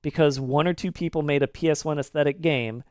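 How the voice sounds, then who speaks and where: A man in his thirties rants through a live game stream in a fairly high, smooth voice. He is opinionated and swears casually, and the sound is dry and close, with no room echo. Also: steady tone, fairly quick, a little mellow.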